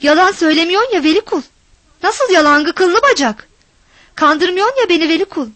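A woman's voice: expressive, a little fast, fairly bright tone, dry recording. A woman reading a frantic, accusing village wife. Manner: shrill, accusing, pleading. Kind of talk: storybook reading.

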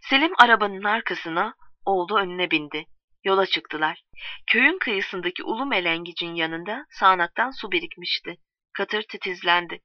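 A woman narrating a story in a calm, measured reading voice, voicing the characters' quoted lines. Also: medium pitch, dry recording. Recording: distant dull lo-fi recording.

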